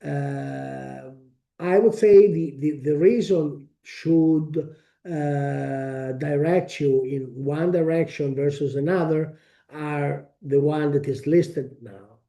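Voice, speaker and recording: A man with a strong Italian accent presenting a technical webinar, speaking haltingly with frequent pauses and restarts. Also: fairly high pitch, creaky, dark tone. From Italy. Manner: halting, many fillers and restarts.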